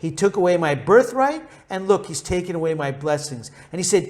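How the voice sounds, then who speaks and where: A man teaching a Bible passage in a casual, conversational way, pausing for an interpreter and playfully acting out the characters. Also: high-pitched, very animated, a little mellow. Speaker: preacher teaching through interpreter.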